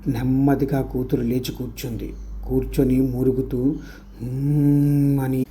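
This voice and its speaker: A man narrating a horror story in a slow, hushed storytelling manner. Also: mid-range voice, fairly even intonation, a little hiss or hum.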